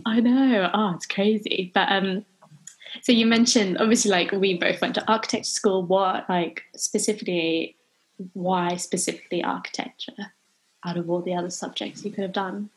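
A woman's voice: medium pitch, fairly even intonation, moderate pace. A young woman in her twenties hosting a casual podcast, speaking in a chatty way with lots of "like" and easy laughter. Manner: chatty, many "like" fillers, laughs easily. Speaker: podcast host.

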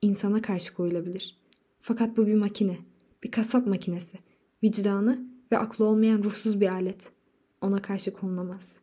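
A woman's voice: medium pitch, fairly even intonation, moderate pace, dark tone, slightly rough, lightly acted. A woman reading the part of a desperate, weary male painter, with agitated outbursts, in a storybook reading. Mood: bitter.

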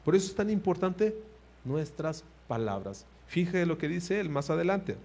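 A husky-voiced man preaching a sermon, his voice pitched a little high. He is animated, rising to loud emphasis and dropping to quiet asides, and keeps turning to his listeners with direct questions. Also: moderate pace.

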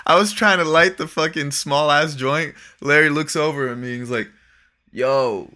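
Bright-voiced laughing storyteller man. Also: a little high, steady tone, moderate pace. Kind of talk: casual storytelling among friends.

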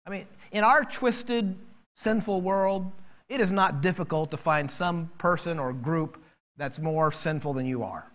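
A man preaching a sermon as pastor, animated and acting out quoted voices. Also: a little high, unhurried.

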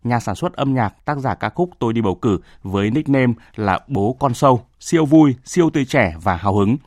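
A man's voice: medium pitch, lively intonation, fairly quick, dry recording. Male radio presenter in a dry studio. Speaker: radio presenter introducing the show. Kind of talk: scripted broadcast introduction.

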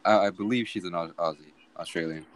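A young man with a low voice hosts the chat in a joking tone. He often stammers and repeats words as he talks. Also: fast, a little hiss or hum, rough recording. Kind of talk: casual chat.

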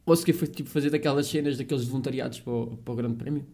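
A man's voice: medium pitch, fairly even intonation, rapid-fire, mellow. A young man with a European Portuguese accent, chatting casually in slang and repeating phrases for emphasis. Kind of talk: casual podcast chat.

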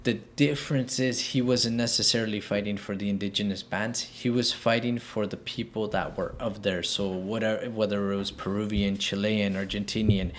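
A man's voice: on the low side, fairly even intonation, moderate pace, hardly any pauses, slight background noise. A man from Canada hosting a casual podcast, laying out his views in a lecturing way and checking in with "right?". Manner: lecturing, explains points with rhetorical "right?".

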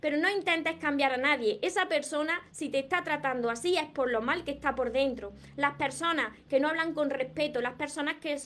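A woman from southern Spain with a clear Andalusian accent speaks to her viewers during a live stream. Her voice sits high, and she keeps driving home her self-esteem advice with earnest repetition. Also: brisk, hardly any pauses, a bit bright. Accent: Andalusian Spanish. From Córdoba, southern Spain. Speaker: dating and self-esteem coach. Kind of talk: live-streamed motivational talk.

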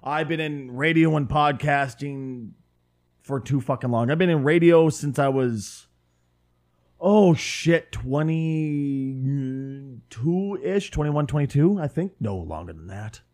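Ein Mann mit nördlichem Minnesota-Akzent, der locker, derb und scherzend einen Podcast moderiert. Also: male voice, medium pitch, slow pace, a little mellow. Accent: Northern Minnesota. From northern Minnesota. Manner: loose, profane and joking. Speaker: podcast host and streamer. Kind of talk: casual podcast chat. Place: home room with window open.

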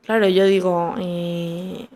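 A young woman in her twenties with a Spanish accent from Spain, hosting a podcast and telling a story in a casual, animated way with emphatic repetition. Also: fairly low pitch, slow pace. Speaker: podcast host.

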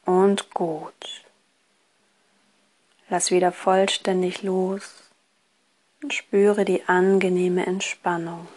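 Woman doing guided relaxation, soft slow hypnotist voice, kinda low, soothing. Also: level tone. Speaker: relaxation course instructor. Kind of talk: guided relaxation, scripted instruction.

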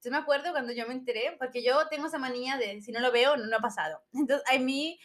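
A woman in casual chat as a podcast co-host, animated, laughing often and acting out quotes. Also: high voice, quick pace.

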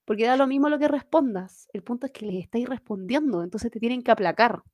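A Chilean woman in her late twenties telling stories in a casual chat, animated and slangy. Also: a little high, fast, slight background noise. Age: 20s.

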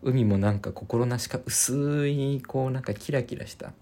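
A man hosting a podcast alone, chatting in a relaxed, rambling way with many fillers and restarts. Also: mid-range voice, normal speed. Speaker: podcast host. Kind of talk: casual solo podcast talk.

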